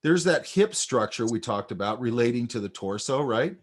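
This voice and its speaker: A man talks through a sketching lesson in a loose, conversational way. His pitch rises and falls a lot as he gets excited about the drawings. He often drifts off into stories along the way. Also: normal speed. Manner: animated, storytelling, talks over drawings. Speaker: art instructor. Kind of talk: casual teaching chat.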